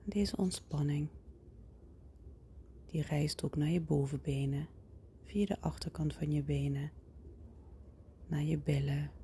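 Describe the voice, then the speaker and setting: Low whispering woman, right in your ear. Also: warm tone, a little hiss or hum. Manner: slow, soothing instructions with pauses. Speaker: guided meditation leader. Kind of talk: guided body-scan relaxation, whispered.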